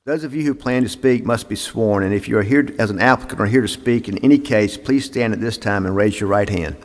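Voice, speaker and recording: A man with a fairly low voice and a slightly quick pace chairs a city board meeting, formally reading out procedure with frequent "uh" fillers. He speaks into a meeting microphone in a city hall chamber with noticeable echo.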